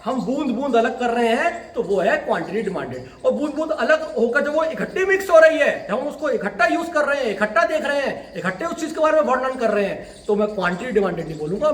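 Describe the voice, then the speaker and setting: High-voiced man teaching with lively questions. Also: reverberant. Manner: explains step by step, asks then answers own questions, mixes English terms. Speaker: economics teacher. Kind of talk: classroom lecture.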